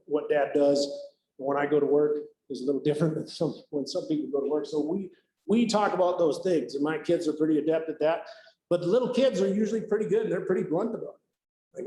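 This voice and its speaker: A middle-aged police trainer with a fairly high, warm voice gives a workplace group a relaxed, talkative safety session, frequently asking "right?" to check in. He stands before them in a large room that echoes heavily, with a faint bit of noise in the recording.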